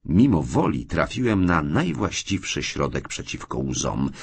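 A man with a very low, husky voice narrates an audiobook in the first person. His delivery is measured yet lively in pitch, and the recording is close and dry. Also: dry recording. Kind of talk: scripted narration.

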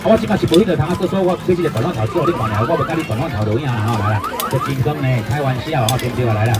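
A middle-aged man with a Taiwanese accent giving a live street sales pitch at an outdoor night market, firing off patter full of rhetorical questions. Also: racing. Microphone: filmed on phone from among the onlookers. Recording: outdoor night market, loud crowd and music. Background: loud music and crowd noise.

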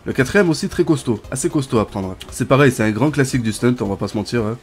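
Youtuber dude talking over his game, casual and jokey, mid-pitched, some music in the back. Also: quick pace. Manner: chatty, bursts into excited shouts and laughs. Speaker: gaming YouTuber. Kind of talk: casual gameplay commentary.

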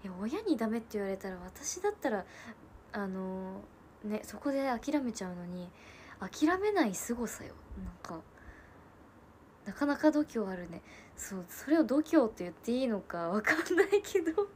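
Her voice high and sing-song at a moderate pace, this Japanese livestream host in her twenties chats about her family and replies to viewer comments. She laughs often and drops soft asides, with slight background noise in the recording.

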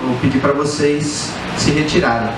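On a small bar stage indoors, a middle-aged man with a Brazilian accent performs crude, colloquial stand-up storytelling for a live audience through a handheld microphone. His voice is a little high and steady at a moderate pace, picked up far from the mic in a very echoey room with faint background noise.

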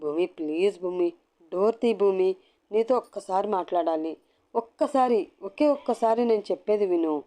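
A woman's voice: mid-range voice, animated, moderate pace, dark tone, lightly acted. A woman voicing a harried young husband who pleads with growing exasperation in a storybook reading. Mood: begging.

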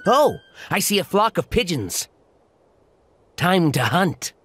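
A man's voice: sits high, very animated, slow, a bit bright, breathy edge, faint music behind, exaggerated voice. A man voicing a proud, keen falcon who explains things simply in a children's educational cartoon. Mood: eager.

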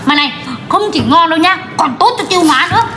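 A woman performing all the parts of a comedy skit with quick, teasing banter. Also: very high voice, animated, sharp tone, echoey room, a little hiss or hum. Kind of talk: comedy skit role-play. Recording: music playing clearly behind.

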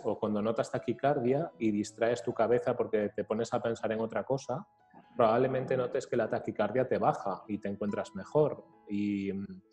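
A man working as a psychologist, who interviews a client calmly and keeps checking his points with short questions. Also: medium pitch, in a large hall. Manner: calm, explaining, checks in with questions. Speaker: psychologist host. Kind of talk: therapeutic interview.

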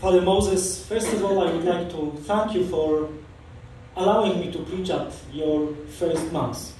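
A Polish priest in his forties, speaking with a Polish accent, gives an informal, chatty homily full of anecdotes and laughter. His voice sits high with a dark tone and an unhurried pace. Captured by a distant camera across a large church hall, the audio is echoey with a little hiss or hum.

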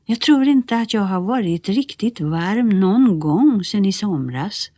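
A woman's voice: mid-range voice, expressive, mellow, no echo, studio quality, voice pushed up, close to an everyday voice. A woman voicing a tiny, eager and friendly little person in a storybook reading. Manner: eager, shy, bouncy.

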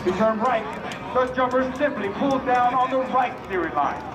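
A man announcing an air show parachute jump over a public address system, with a drawn-out showman delivery. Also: very high voice. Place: outdoor air show field. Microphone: PA system recorded from the crowd. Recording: echoey loudspeaker heard from far off. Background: loud music and cheering crowd.

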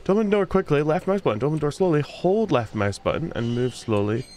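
A man's voice: a little high, lively intonation, quick pace, a little mellow, a little hiss or hum. A man casually commenting while playing a horror game, joking around and reading chat aloud. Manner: joking, reads chat aloud, playful silly voices. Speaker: gaming streamer. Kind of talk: casual let's-play commentary.

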